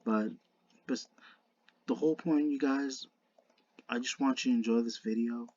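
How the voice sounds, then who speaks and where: A man with a slushy lisp on his s sounds gives casual, unscripted commentary to viewers as a video creator, earnest and halting, often restarting his words. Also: medium pitch, steady tone, darkish tone, no room sound, highs cut off. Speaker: video creator narrating a card game duel.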